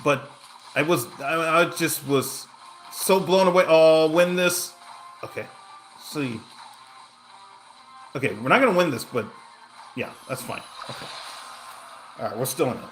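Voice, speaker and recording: A young man with a bright, tense tone talks over a strategy game, trailing off and restarting as he tells a story between moves. His voice sits a touch high, and music plays faintly behind him. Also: a little slow, pauses often. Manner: rambling, self-deprecating, frequent fillers and restarts. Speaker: gaming streamer. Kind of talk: casual gameplay commentary with storytelling.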